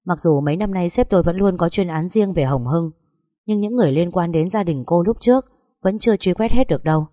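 A woman voicing a calm, earnest young policeman in a storybook reading. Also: on the low side, brisk, no room sound, studio quality, natural voice. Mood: reassuring. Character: earnest young male police officer, steady.

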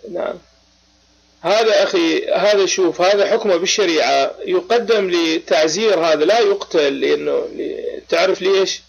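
Over a lo-fi online voice chat with slight background noise, a high-pitched, gravelly man speaks at normal speed. He's from Baghdad, carries an Iraqi accent, and hosts a live religious debate chat through a cold, speaking emphatically with plenty of short affirmations.

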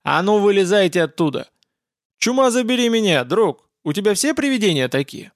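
A man's voice: high voice, big pitch swings, fairly quick, no echo, clean studio sound, pitched above the performer's own voice. A man reading a story voices a big, boastful warrior who grumbles pompously about his faith and his courage. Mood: bewildered.

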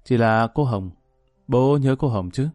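Male narrator voicing an insistent, coaxing grown daughter in an audio story, mellow and close. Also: mid-range voice, unhurried, dry recording, soft background music, lightly acted.

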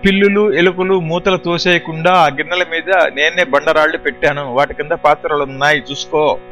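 A man narrating a storybook who gives a sharp-witted young boy his earnest, matter-of-fact replies. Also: fairly high pitch, animated, moderate pace, faint music behind. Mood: confident.

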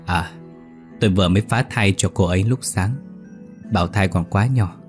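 A man's voice: low voice, normal speed, faint music behind, lightly acted. A man doing a matter-of-fact male doctor.

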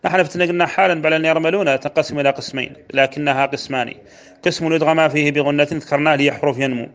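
A man teaching the rules of Quran recitation, drawing out verse lines slowly and then explaining them. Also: fairly high pitch, steady tone. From Mauritania. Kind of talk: explanatory religious lesson. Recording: dull lo-fi recording.

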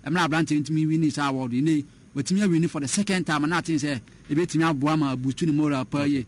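A man discusses football in a radio sports chat, rattling along fast and restarting phrases as he goes. His voice sits a little high, and his talk slides between Twi and English. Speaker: sports pundit.

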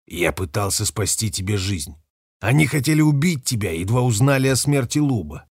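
A man voicing a rough-voiced, weary male mutiny leader who pleads and bargains. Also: fairly low pitch, very animated, normal speed, no echo, studio quality, exaggerated voice. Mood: pleading. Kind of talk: audiobook character voice.

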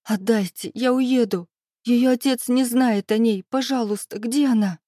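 A woman's voice: fairly even intonation, normal speed, dark tone, slightly rough, no echo, studio quality. A woman reading a storybook, voicing a desperate young mother who cries and pleads in a raised voice. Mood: desperate pleading. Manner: crying, high pleading.

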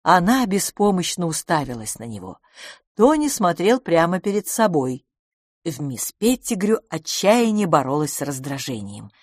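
Expressive woman narrating an audiobook. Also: on the low side, normal speed, no room sound, studio quality. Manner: expressive, lively reading. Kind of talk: scripted narration.

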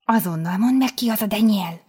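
A woman voicing a nosy, excitable teenage schoolgirl who keeps pressing with questions in an audiobook. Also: mid-range voice, breathy edge. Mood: prying. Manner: insistent, prying questions. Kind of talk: audiobook character voice.

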